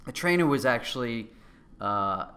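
A middle-aged man speaks with a Queens, New York accent and a bright, punchy voice. He tells his story casually and excitably, acting out what each person said as he goes. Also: medium pitch, measured pace. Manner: animated, excitable storytelling with acted-out quotes. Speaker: guest, company co-founder. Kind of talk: casual anecdote telling.

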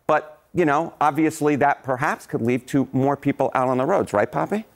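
A man on a morning news show, walking through statistics with quick enthusiasm and frequent "right?" tags. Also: medium pitch, vocal fry. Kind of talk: explaining statistics on live TV.

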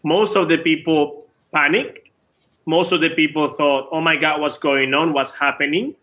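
Tennis club co-owner, male, late 30s, from Venezuela, ringing upper voice, quick with restarts. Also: on the high side, steady tone, pushed and bright. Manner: quick, repeats words at starts. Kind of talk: casual interview.

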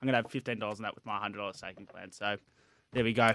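A man's voice: fairly low pitch, steady tone, very fast, creaky, pushed and bright, no echo. A man with a broad Australian accent chatting casually about sports betting as a podcast panellist, matey and slangy.

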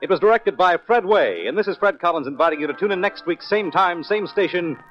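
A man's voice: high voice, expressive, a little fast. An American man in the formal, polished style of an old-time radio announcer, reading closing credits. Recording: dull old radio recording with music.

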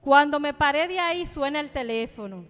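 A woman's voice: sits high, animated, a little fast, fairly bright tone, long reverb tail, soft background music. A woman giving a fervent testimony in church, preaching to the congregation and repeating phrases for emphasis. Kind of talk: sermon testimony.

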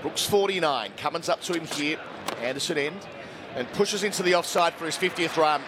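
Man, cricket commentator, high pitch, clipped live play-by-play, rising excitement, outdoor ground, heavy crowd noise. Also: fairly quick. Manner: clipped descriptive phrases, rising to shouts at wickets. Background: loud cricket crowd.

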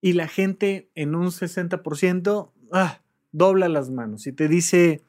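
A therapist in an animated podcast monologue, acting out hesitant client replies and patiently repeating questions. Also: medium pitch, unhurried.

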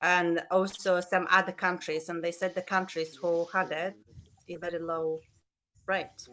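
A woman's voice: lowish voice, level tone, unhurried, pushed and bright, a little hiss or hum, low-quality recording. Hesitant woman from Bulgaria, English. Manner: hesitant, unsure, non-native phrasing. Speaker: listener guest. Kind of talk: casual chat.

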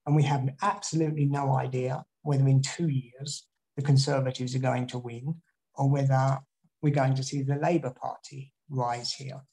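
A UK man, appearing as a guest speaker, gives an online talk and takes audience questions, rambling with frequent restarts and fillers. His medium-pitched voice is flat and dark at a normal speed, captured in a rough recording.

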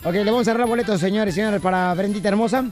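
A man hosting a call-in radio show, loud and playful, shouting catchphrases and joking with callers. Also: high-pitched, racing, faint music behind. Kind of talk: energetic call-in radio banter.

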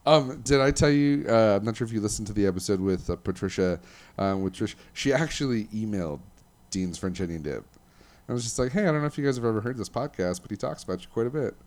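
A man's voice: fairly low pitch, lively intonation, fast talker, darkish tone. A man in his late twenties hosting a casual podcast, bantering and joking with a co-host. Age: 20s. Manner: joking, laid-back banter.

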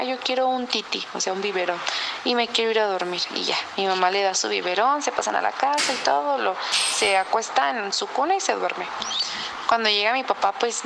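Gravelly Mexican woman telling a story. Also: medium pitch, noisy background. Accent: Mexican Spanish. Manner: chatty, relaxed, many fillers. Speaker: podcast co-host telling a story. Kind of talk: casual storytelling.

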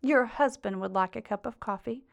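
A woman voicing her sweet elderly grandmother with a gentle Southern accent. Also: fairly high pitch, moderate pace, gravelly.

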